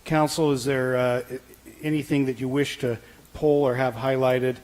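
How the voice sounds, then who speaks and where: A man's voice: medium pitch, level tone, moderate pace, a little mellow. A man, the mayor, chairing a city council meeting in a friendly, plain-spoken way. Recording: faint background noise.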